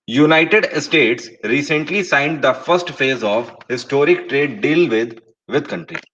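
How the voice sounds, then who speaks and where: A male teacher runs a live online quiz, slowing down to read each question and then talking straight to his students with pointed emphasis. His voice sits at a middle pitch, and the audio is a touch dull and lo-fi. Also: a bit bright. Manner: reads questions in English slowly, explains in Hindi with rising emphasis; addresses live viewers directly, asks and confirms answers. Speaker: online exam-prep teacher.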